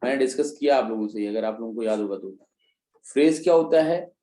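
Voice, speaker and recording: A man's voice: mid-range voice, brisk, warm tone, reverberant, poor audio. A man teaching an exam-prep class in speech, explaining step by step and often checking in with his students. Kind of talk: classroom lecture.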